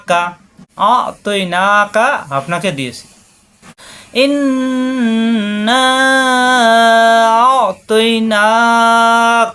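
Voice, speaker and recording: A man teaching a word-by-word tajweed lesson, patiently drilling syllables and breaking into slow chanted recitation. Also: fairly high pitch, sharp tone.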